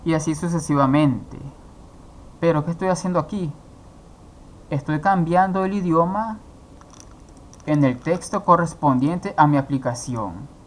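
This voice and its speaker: A man's voice: on the high side, unhurried, pauses often. A man teaching a coding course, explaining each step and asking himself questions before answering them. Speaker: programming instructor. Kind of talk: screen-recorded coding tutorial.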